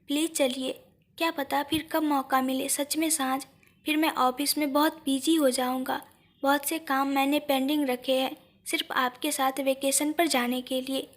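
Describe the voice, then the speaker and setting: A woman's voice: high voice, flat delivery, normal speed. A woman voicing a loving but frustrated young husband who pleads and mixes in English words. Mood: pleading.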